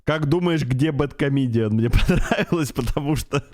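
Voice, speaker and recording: A man's voice: mid-range voice, normal speed, a little mellow. A man streaming a game with casual, offhand, wry live commentary into a close mic.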